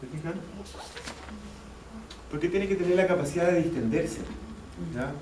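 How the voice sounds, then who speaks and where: A man's voice: on the high side, normal speed, darkish tone, slight background noise. A man giving an anatomy lecture in a classroom, explaining step by step, repeating key terms and checking that students follow. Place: lecture hall. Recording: echoey classroom, mic far off, faint ambience.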